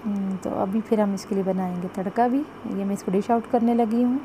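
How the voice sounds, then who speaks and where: A woman's voice: mid-range voice, steady tone, brisk, dark tone, slight background noise, poor audio. A woman talks through a recipe step by step as a cooking vlogger. She keeps saying "jo hai" and points to the pot while she cooks in her home kitchen. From Pakistan. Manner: chatty, repeats "jo hai" and "ye dekhein" while showing the pot.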